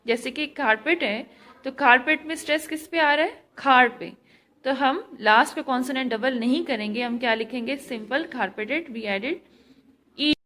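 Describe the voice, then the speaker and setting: Slow, high-voiced Indian woman teaching. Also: a bit bright. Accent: Indian English. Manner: slow, deliberate, repeats and quizzes students; mixes Hindi and English. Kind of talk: classroom grammar lesson.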